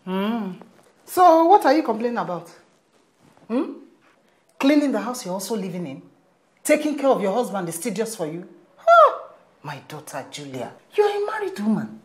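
A woman's voice: mid-range voice, sing-song, moderate pace, pauses often, natural voice. An actress with a Nigerian accent playing a devout middle-aged mother who lectures her married daughter. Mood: scolding. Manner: preachy, lecturing. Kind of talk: film acting.

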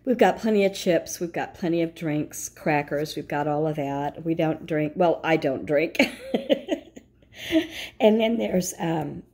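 A middle-aged woman with a slightly low voice chats at home, thinking aloud and drifting into little asides. Her talk is relaxed and conversational, and it is picked up by a phone camera pointed down at a table. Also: husky. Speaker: vlogger. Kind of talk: casual chat reviewing a grocery flyer.

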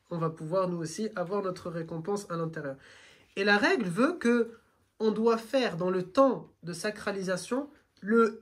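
A man guiding a group on a train, explaining in a lively, teacherly way and asking them questions. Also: high voice. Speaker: religious guide. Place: train carriage.

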